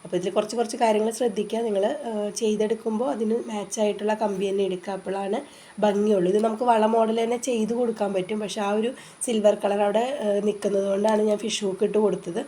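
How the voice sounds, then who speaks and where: Fast-talking woman with a stuffy head cold. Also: medium pitch, little pitch movement, mellow. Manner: chatty, patient instructing with frequent filler sounds. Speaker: craft channel host. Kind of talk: casual step-by-step craft tutorial. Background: rain outside.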